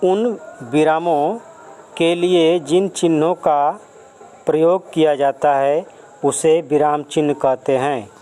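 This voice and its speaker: A man gives a grammar lesson to a class of children, spelling out definitions and examples one by one. His voice sits a little high. He speaks very slowly and deliberately, turning often to address the pupils. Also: steady tone, mellow, rough recording. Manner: slow, careful explaining with definitions and examples. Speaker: teacher. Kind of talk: Hindi grammar lesson for schoolchildren.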